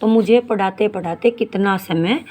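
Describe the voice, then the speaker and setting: A woman in her forties teaching a maths lesson, reading English word problems slowly and explaining each step in Hindi, calling her students beta. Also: medium pitch, noisy background. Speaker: math teacher.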